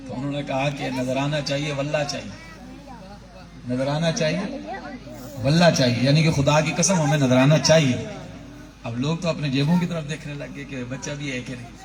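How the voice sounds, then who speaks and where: A man preaching a fiery devotional sermon, rousing the crowd to chant back. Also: mid-range voice. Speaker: preacher at a shrine gathering. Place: large gathering at a shrine. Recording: echoey hall, far from mic, crowd.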